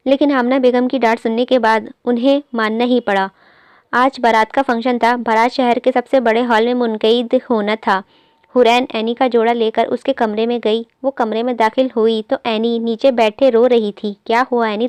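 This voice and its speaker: A woman hosting her channel and reading a romance novel aloud in a steady storytelling manner. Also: fairly high pitch, smooth, no room sound. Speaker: audiobook narrator, channel host.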